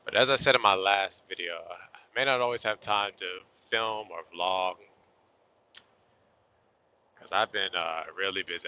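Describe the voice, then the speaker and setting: A truck driver vlogger talks casually to camera while driving, inside his cab on the road, in a laid-back, rambling, chatty way with a southern-style "y'all." His lowish voice is bright and forceful yet a little hoarse, as if he's losing it. A phone or camera on a tripod gives dull lo-fi sound with slight background noise.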